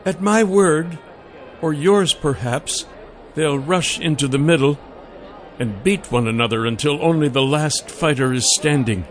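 A man's voice: a little high, a little slow, faint music behind, pitched above the performer's own voice, lightly acted. Man doing a lofty, teasing noblewoman. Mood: coaxing. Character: poised, teasing young noblewoman ruler.

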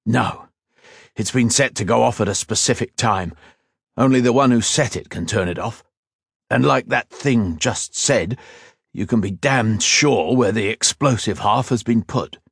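A man voicing a proud, hot-tempered male companion who talks in a sharp, clipped, raised way. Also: mid-range voice, unhurried, creaky, slightly rough, no room sound, studio quality, heavily acted. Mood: grim.

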